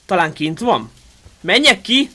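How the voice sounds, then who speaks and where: A man streaming a game live, chatting excitably with his viewers, reacting aloud and thanking supporters. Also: high-pitched.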